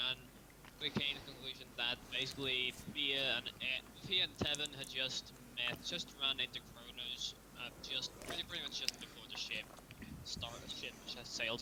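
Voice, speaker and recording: A man playing a tabletop role-playing game, chatting casually about characters and actions. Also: mid-range voice. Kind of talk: casual role-play chat. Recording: noisy microphone with clicks.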